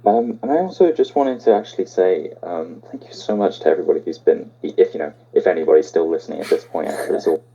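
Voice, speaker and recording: A man's voice: sits low, quick pace, creaky, few pauses, mellow, slightly rough, muffled recording. A young man hosting a casual podcast chat, hesitant and full of ums. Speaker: podcast host.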